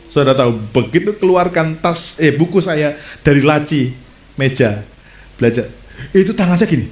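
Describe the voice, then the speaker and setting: A man preaching a sermon as a pastor, telling stories with lively gestures and speaking straight to his congregation. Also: on the high side, moderate pace. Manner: animated storytelling preacher, addresses audience directly. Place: church. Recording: echoey church hall.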